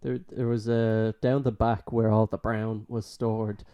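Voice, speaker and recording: A man talks loosely in casual conversation, padding his sentences with fillers and letting them fade. His voice is dark and mellow, never sharp. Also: fairly low pitch, level tone, unhurried, smooth, dull audio. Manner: rambling, filler-heavy, trails off quietly. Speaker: college student. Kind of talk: casual chat.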